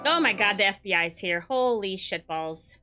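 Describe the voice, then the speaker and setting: A man streaming a game through a voice changer that makes him sound like a woman, excitable and swearing as he plays. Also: high-pitched, normal speed, loud music behind the voice, voice pushed up. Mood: playful. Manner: excitable, swears often, talks to himself while playing. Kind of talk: casual live-stream chatter.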